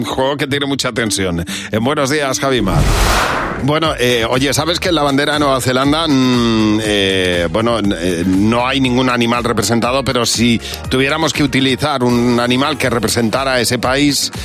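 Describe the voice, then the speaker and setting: A man hosting morning radio in an upbeat, chatty way. His voice sits at an ordinary middle pitch. A light bed of music plays faintly behind him. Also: moderate pace. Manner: upbeat, runs a quiz game and reads a number clearly. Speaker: radio host. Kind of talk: lively morning radio chat.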